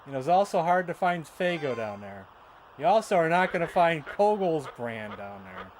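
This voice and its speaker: A man's voice: on the high side, sing-song, normal speed, a little hiss or hum, rough recording. A man with a Michigan accent chatting casually and rambling, often repeating words as he tells stories. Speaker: streamer. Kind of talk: casual chat.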